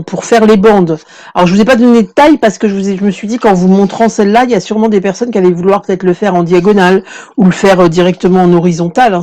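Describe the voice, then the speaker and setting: A woman's voice: on the low side, warm tone. A woman hosting a live craft tutorial stream, chatting casually with many fillers and greeting viewers as their comments come in. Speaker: craft workshop host.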